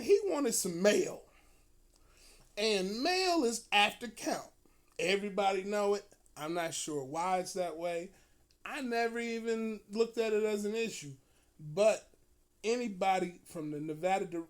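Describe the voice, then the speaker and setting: A man telling a profane story in a casual, animated way, often breaking into laughter. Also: high-pitched.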